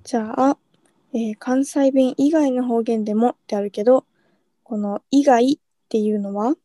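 A woman co-hosting a casual podcast, reading out questions and explaining Japanese words in a relaxed way. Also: a little high, normal speed, no room sound. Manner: relaxed, reads out questions and prompts her partner. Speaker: podcast co-host.

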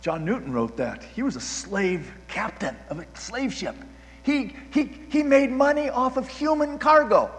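A man with a fairly high voice delivers a sermon from the pulpit, swinging between loud emphasis and hushed asides and often restarting his words. His voice rings with a long reverb, as in a large hall. A faint mains hum sits underneath. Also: animated, measured pace. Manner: frequent restarts and repeated words. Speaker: pastor.

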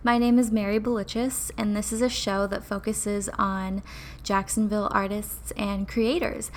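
A woman's voice: medium pitch, flat delivery, normal speed. Nasal woman hosting a podcast. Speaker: podcast host. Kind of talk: casual radio interview. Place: college radio studio. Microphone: studio microphone.

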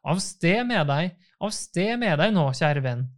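Guy doing brisk scolding mom, half joking, a bit higher. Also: lively intonation, lightly acted. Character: brisk, scolding middle-aged mother.

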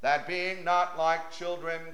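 A man leading a church service, reciting the liturgy in a brisk, steady way, his voice carrying through cathedral echo. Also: on the high side. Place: large church. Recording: roomy cathedral echo, faint organ music.

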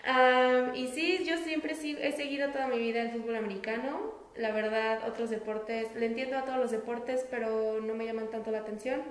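A young woman from Mexico with a Mexican Spanish accent, answering interview questions in a relaxed way and laughing easily. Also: a little high. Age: young adult. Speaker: interviewee, student. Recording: roomy echo.

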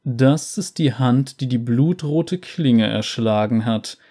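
A man's voice: medium pitch, takes it slowly, dark tone, husky. A man doing a vain, boastful nobleman. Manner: self-satisfied, boastful.

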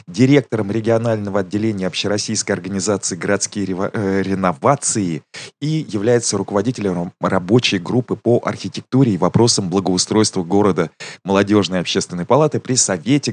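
A man's voice: lowish voice, darkish tone, no room sound. A man hosting a radio interview, courteous and formal, with light teasing. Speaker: radio host.

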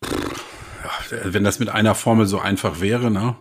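Man telling lively hypnosis stories. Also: fairly low pitch, a little slow, slight background noise. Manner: animated storyteller, acts out quoted voices. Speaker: hypnotist and podcast host guest. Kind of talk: casual conversational interview.

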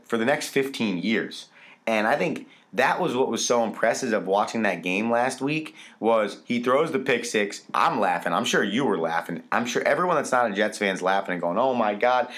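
A man's voice: on the low side, fairly bright tone. A man co-hosting a sports podcast, talking casually and emphatically, often repeating words for stress. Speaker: podcast co-host.

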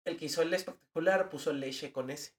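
A young man with a northern Mexican accent, a guest in a casual podcast chat, telling animated stories full of slang and acted-out quotes. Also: fairly high pitch, fast. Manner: animated storyteller, slangy, acts out quoted voices. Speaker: guest, advertising designer.

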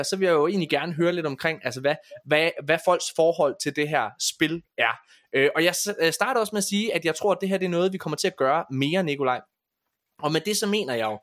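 A man's voice: fairly high pitch, fairly bright tone. A man hosting a casual podcast chat, opinionated and bantering as he talks. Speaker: podcast host.

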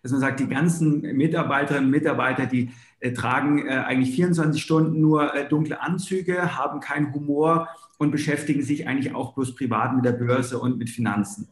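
A man co-hosting a podcast who asks long, halting questions with many restarts. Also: mid-range voice, steady tone. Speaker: podcast co-host. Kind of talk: conversational interviewing. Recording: roomy echo.

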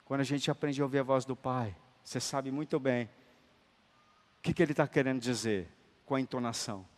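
A man preaching a sermon, emphatic and colloquial, moving between loud declarations and hushed, tender lines and calling listeners brother. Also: mid-range voice, fairly even intonation, brisk. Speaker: apostle preaching. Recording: long hall reverb.

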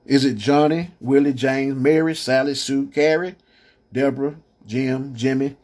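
A man's voice: mid-range voice, steady tone, unhurried, darkish tone. A man preaching a podcast sermon, punctuating lines with amens and stammered restarts, calling out to the church.

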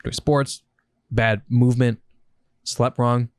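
Here a young podcast co-host speaks slowly in a mid-range, clear, resonant voice, with no echo. He chats casually, telling animated stories full of swearing and acted-out reactions of his own.

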